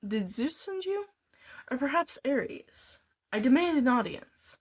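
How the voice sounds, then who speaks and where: A woman reading aloud gives a vain, dramatic young man who was once a god, high and haughty, demanding to be heard. He speaks slowly and grandly, with a rise in pitch that signals offended pride. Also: big pitch swings.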